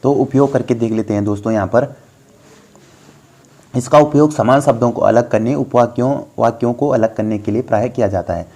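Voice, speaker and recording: A man's voice: medium pitch, brisk, darkish tone. A young man tutoring viewers through a Hindi grammar lesson for exams, explaining patiently and often calling them friends. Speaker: exam tutor.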